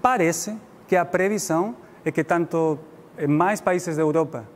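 A middle-aged Spanish man with a Spanish accent gives an informal, explanatory public lecture as a guest lecturer, speaking in a language that isn't his native one. His voice is fairly high and a little slow. The indoor lecture room is reverberant, with background noise.

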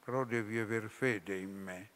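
A man's voice: lowish voice, steady tone, normal speed, fairly bright tone, close to an everyday voice. A man reading the part of a seductive female serpent spirit, speaking languidly with a sibilant edge, in a storybook reading. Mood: pleading. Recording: long hall reverb.

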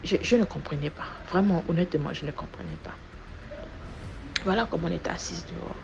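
A woman with a low, gravelly voice tells her personal testimony. She recounts events with sudden loud bursts and repeated words. The recording sounds muffled, with faint noise behind her. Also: brisk. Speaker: guest giving a personal testimony.

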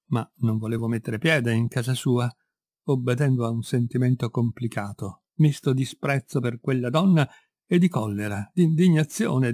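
A man's voice: mid-range voice, dry recording. Man narrating a classic tale, dry close sound. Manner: measured, expressive storytelling. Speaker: audiobook reader. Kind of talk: literary read-aloud narration.

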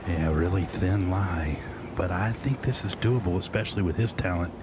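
A man's voice: sits low, normal speed. A man giving live golf commentary, reacting to shots as they unfold. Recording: clear outdoor background noise.

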